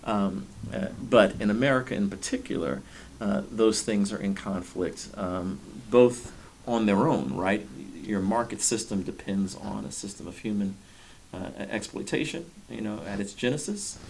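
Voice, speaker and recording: A man speaking in a documentary interview, thoughtful and halting, with many fillers. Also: lowish voice, gravelly, darkish tone, slight background noise.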